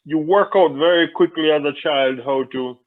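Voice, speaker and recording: A man's voice: on the high side, moderate pace. Man over a tinny phone line. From Jamaica. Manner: thoughtful, with frequent restarts and repeated words. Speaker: interview guest. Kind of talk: conversational interview answers.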